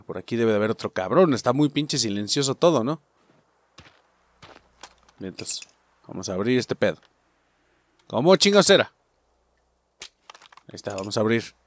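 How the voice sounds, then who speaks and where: A man with a Mexican accent commenting on a game he is playing, cursing constantly and shouting at enemies. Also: lowish voice, moderate pace, long pauses. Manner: profane, excitable, shouts at enemies. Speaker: gaming channel host. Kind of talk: let's play commentary.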